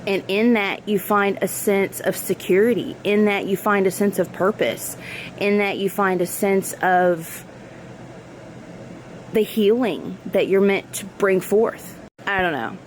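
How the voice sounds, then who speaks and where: A woman giving an earnest, reflective spiritual monologue in halting phrases, as in a personal vlog. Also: medium pitch, slight background noise, rough recording. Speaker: spiritual vlogger.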